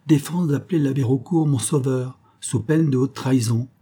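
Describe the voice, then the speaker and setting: Man doing a young stage actress, high and lively, teasing, husky undertone, audiobook reading. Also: normal speed. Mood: playful. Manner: bright, teasing, pleading.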